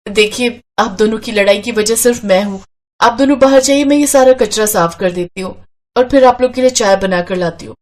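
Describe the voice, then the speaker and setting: A woman voicing a gentle young newlywed wife in a storybook, soft and reasonable. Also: fairly high pitch, fairly quick, natural voice. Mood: soothing. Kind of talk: storybook character voice.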